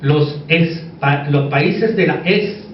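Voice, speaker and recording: A man with a Puerto Rican Caribbean Spanish accent speaks in a slightly high voice, lecturing informally with asides. He repeats key words and seeks agreement. The recording is dull and picked up from a distance. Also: slow pace. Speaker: conference speaker. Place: echoey indoor conference room. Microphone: distant microphone. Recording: echoey room, distant dull mic, faint noise.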